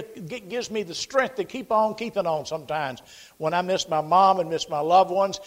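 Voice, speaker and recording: A man in his forties preaching an earnest, folksy sermon, quoting scripture and telling plain stories. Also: sits high. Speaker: pastor.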